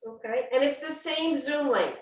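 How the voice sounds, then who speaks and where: Hosting a casual livestreamed cooking demo from her home, a woman with a high-pitched voice chats away and exclaims at a moderate pace. The video-call sound is roomy, with the mic set back from her.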